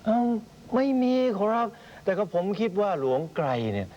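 A man voices a scheming servant in a period radio drama, bowing and scraping to his master while stirring trouble. His voice is high and jumps around, with hesitant fillers over a dull recording with faint noise. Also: wildly swooping pitch, moderate pace, darkish tone. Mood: deferential. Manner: obsequious, hesitant, sly. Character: fawning, scheming male servant to a lord.

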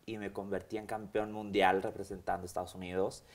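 A Mexican man in his thirties, seated as an interview guest in a small studio, telling his story in a lively, animated way. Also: low-pitched, fairly quick. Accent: Mexican Spanish. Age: 30s. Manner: animated and expressive, gestures with hands, many fillers. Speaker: interview guest, hair extension stylist. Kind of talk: casual conversational storytelling. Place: small indoor studio set, seated in armchair.

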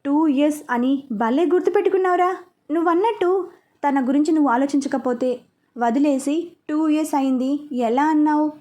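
A woman's voice: high-pitched, fairly quick, mellow, close to an everyday voice. A woman voicing a playful, teasing young male police officer in a storybook reading. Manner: teasing, persuasive.

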